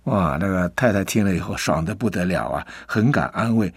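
Male radio storyteller, animated and folksy, dry studio sound. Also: low voice, fairly quick, husky, no echo. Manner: folksy, chatty, asks listeners questions.

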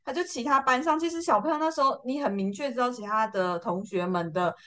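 A young woman with a Taiwanese Mandarin accent, telling a story as a guest in a casual chat and acting out the quotes with lively swings in her voice. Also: fast talker. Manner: lively, acts out quotes with big pitch jumps, laughs often. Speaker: podcast guest.

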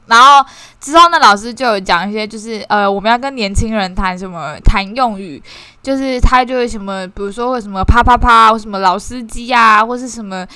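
A young woman talks casually and animatedly, often restarting her sentences and poking fun at herself. Her voice is bright and ringing and sits a little high. The sound is dry and close, with almost no room around it. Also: a little fast, smooth, no room sound. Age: 20s. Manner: animated, self-mocking, frequent restarts and bursts of laughter. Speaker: course participant sharing reflections. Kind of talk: casual spoken sharing.

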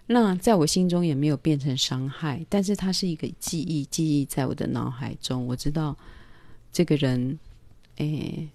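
A woman, telling a personal story at home in a calm, hesitant way with many pauses and fillers. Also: low-pitched, no echo. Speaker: vlogger.

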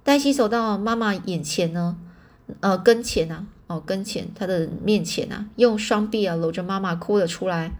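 A woman's voice: medium pitch, moderate pace, a little hiss or hum. A woman narrating a novel in a casual reading style, often restarting phrases and adding fillers.

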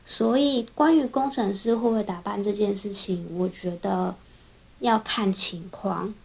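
A woman's voice: mid-range voice, measured pace, creaky. Young woman, mid-range voice, casual vlog storyteller, chains her thoughts with "and then". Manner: chatty, strings thoughts together with frequent "then". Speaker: software engineer.

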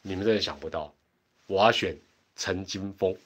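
Husky Taiwanese man chatting on a livestream. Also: low-pitched, normal speed, a bit bright. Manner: chatty, laughs often, rambling asides. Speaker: livestream host. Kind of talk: casual livestream chat. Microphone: home internet setup.

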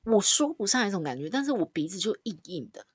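A woman's voice: mid-range voice, sing-song, quick pace, breathy edge, no room sound, studio quality. A woman casually telling a personal story on a podcast. She swears now and then and acts out her own lines as quoted dialogue. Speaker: podcast co-host.

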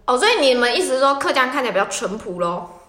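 A woman chatting casually as a podcast co-host, trading quick, teasing banter. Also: sits high, big pitch swings, pushed and bright. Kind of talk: casual chat. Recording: roomy room echo.

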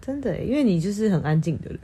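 A young woman, chatting casually as a co-host in an animated, teasing way and chiming in quickly. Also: mid-range voice, breathy edge. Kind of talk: casual chat.

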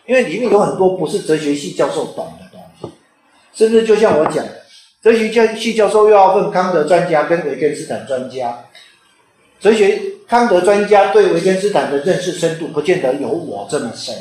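A man's voice: on the high side, lively intonation, a little fast, darkish tone. A man who is an author and teacher, giving an informal lecture in a conversational way and often checking in with the listeners. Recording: very echoey room.

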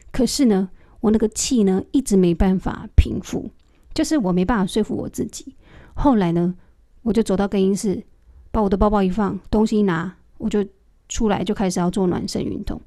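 A woman host, chatting casually and telling a story straight to her listeners in an animated way. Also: mid-range voice, no room sound, clean studio sound. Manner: animated, addresses listeners directly. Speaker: podcast host.

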